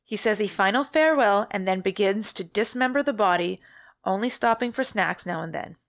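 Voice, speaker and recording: A woman's voice: mid-range voice, expressive, a little fast, fairly bright tone, no echo, studio quality. A woman co-hosting a podcast, casually recounting a true-crime story and often correcting herself mid-sentence. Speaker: podcast co-host.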